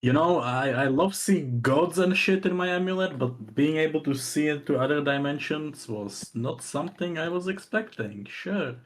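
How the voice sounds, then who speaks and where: A man's voice: on the high side, animated, moderate pace, few pauses. A man playing a tabletop game with casual improvised role-play, often repeating his phrases.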